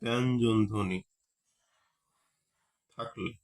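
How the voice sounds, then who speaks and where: A man's voice: medium pitch, steady tone, takes it slowly. A man teaching a grammar lesson. He repeats key terms and keeps asking the class rhetorical questions.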